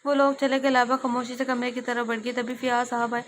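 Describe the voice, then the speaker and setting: High, flat-voiced woman reading a novel. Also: brisk, a little hiss or hum. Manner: reads all characters in her own voice, with frequent slips and self-corrections. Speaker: narrator reading an Urdu romance novel. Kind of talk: audio novel read-aloud.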